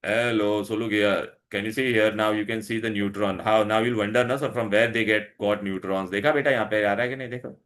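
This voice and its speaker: Racing along with hardly any pauses, a man with an Indian accent teaches an online science class in a lowish, slightly bright voice of fairly even intonation. He repeats and explains, questions pupils, and often stops to check they are following.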